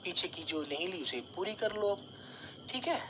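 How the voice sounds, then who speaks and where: A man's voice: high voice, animated, moderate pace, bright, forceful tone, highs cut off, slight background noise. A male teacher giving an online exam-prep lesson, calling his students child and dear and explaining with everyday examples.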